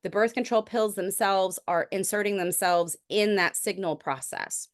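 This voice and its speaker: A woman's voice: medium pitch, normal speed. A middle-aged woman physician giving a lecture in a conversational, explanatory way, with frequent restarts. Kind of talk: recorded medical lecture.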